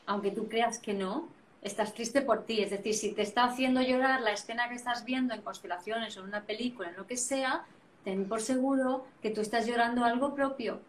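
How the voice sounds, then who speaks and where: A woman's voice: fairly high pitch, a little fast, slight background noise. Spanish woman, distant and roomy. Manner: animated, repetitive phrasing, frequent tag questions. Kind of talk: reflective conversational explanation. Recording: roomy sound, distant from mic.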